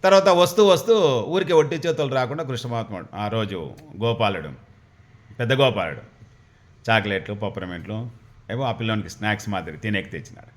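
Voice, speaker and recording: A man, telling a devotional story in a folksy, animated way. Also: on the low side, brisk, pauses often. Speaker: spiritual storyteller.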